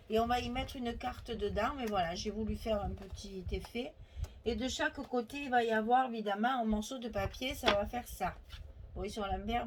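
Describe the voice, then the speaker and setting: A woman's voice: fairly high pitch, a little hiss or hum, poor audio. A woman with a Provençal French accent hosting a chatty, step-by-step scrapbooking tutorial, thinking aloud and correcting herself as she goes.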